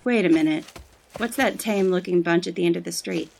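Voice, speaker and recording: A woman's voice: on the low side, fairly quick, creaky, darkish tone, a little hiss or hum. A woman playing a feisty, sardonic gunslinger in a comic Western audio drama. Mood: wry.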